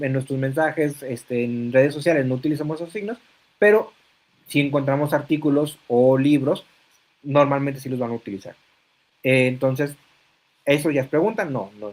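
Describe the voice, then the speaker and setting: Man, somewhat high voice, online class teacher, patient explaining, hesitant fillers. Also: rough recording. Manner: patient, explanatory, often checking in with students; hesitant fillers between phrases.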